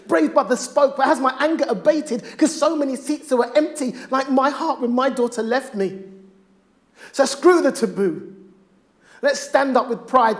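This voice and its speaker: Man performing spoken word poetry. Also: very high voice. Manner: rhythmic rhymed delivery, swinging from hushed to loud. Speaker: bereaved father speaking on stage.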